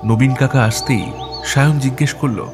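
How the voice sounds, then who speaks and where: A man narrating an audio story in a steady, measured reading style. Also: mid-range voice, faint music behind.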